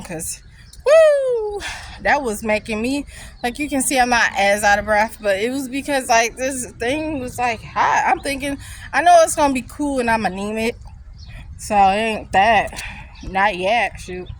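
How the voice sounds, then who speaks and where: A woman's voice: fairly high pitch, unhurried, slight background noise, poor audio. Breathless young woman vlogging on the move. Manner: rambling and candid, talking while walking. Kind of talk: casual chat. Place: outdoors on foot, near traffic.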